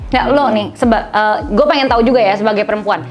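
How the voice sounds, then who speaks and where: A woman's voice: medium pitch, fast talker. A woman co-hosting a casual podcast chat, asking blunt, probing questions with a teasing edge. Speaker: podcast co-host. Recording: faint background music.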